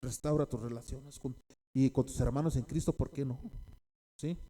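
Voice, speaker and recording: A man's voice: medium pitch, fairly even intonation, normal speed, warm tone. A man preaching a sermon as a pastor, repeating key phrases and often checking in with his listeners.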